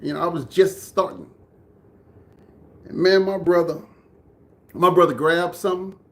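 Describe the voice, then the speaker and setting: A man's voice: high voice, fairly even intonation, a little slow. A Texan man in his thirties, from Dallas, telling a personal story earnestly to a live chat, often repeating phrases for emphasis. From Dallas, Texas. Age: 30s. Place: indoors, room with air conditioning.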